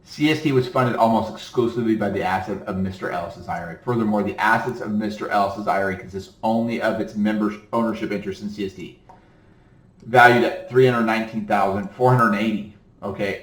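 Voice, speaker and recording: A man's voice: lowish voice, steady tone, fairly quick, fairly bright tone. Roomy-sounding man explaining law, "okay?". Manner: reads legal text then breaks off to explain, with frequent "okay?". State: voice tiring. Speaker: attorney teaching about self-directed retirement accounts. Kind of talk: casual explanatory lecture, reading a court ruling aloud.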